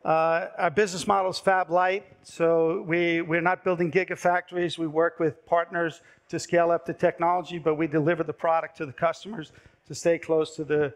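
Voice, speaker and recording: His delivery flat yet brisk and persuasive, a middle-aged startup presenter sells his company from a big, dark conference stage through a headset mic, with the odd filler. His voice is somewhat high for a man and turns hoarse as he steadily loses it.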